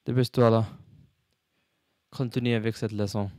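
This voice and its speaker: A man with a fairly low, very smooth voice records a casual practice vlog in a dry setting. He is a learner whose French has a foreign accent, and he feels his way haltingly from word to word. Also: flat delivery, dark tone, dry recording. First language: not French, a learner. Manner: halting, searching for words, switching between English and French. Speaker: language learner, video host.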